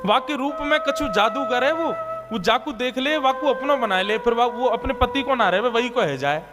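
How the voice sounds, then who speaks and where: A man's voice: very high voice, expressive, moderate pace, over music, pitched above the performer's own voice. A man voicing a worried, earnest mother who admonishes and warns her daughter, in a devotional story. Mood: warning. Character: Madhavi's mother, worried, earnest older woman.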